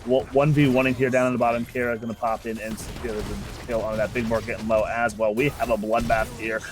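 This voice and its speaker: A man's voice: mid-range voice, level tone, fast talker. A man co-casting an online video game match, chatting loosely with lots of fillers as he breaks down the plays. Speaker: esports co-caster. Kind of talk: esports color commentary.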